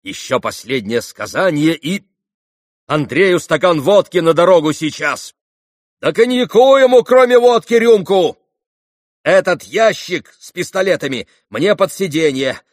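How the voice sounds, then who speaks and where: A man's voice: on the low side, fairly bright tone, no room sound. A man voicing a reckless, impulsive young nobleman who barks orders and exclamations, read in a dry studio. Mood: excited commanding. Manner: exclamatory, rushed commands.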